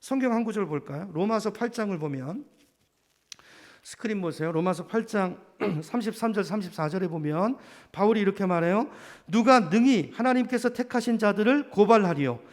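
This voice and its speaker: Male pastor, high lively voice with gravelly edge, conversational sermon turning fervent, church hall reverb. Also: normal speed. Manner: conversational preaching, rising to fervent emphasis. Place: church sanctuary.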